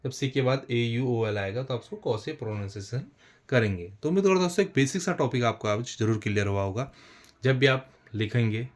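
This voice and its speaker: A man teaching a basic English spelling lesson, explaining step by step, repeating himself and calling his viewers friends. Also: mid-range voice. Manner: repetitive, addresses viewers as friends. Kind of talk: explanatory lesson with writing on board.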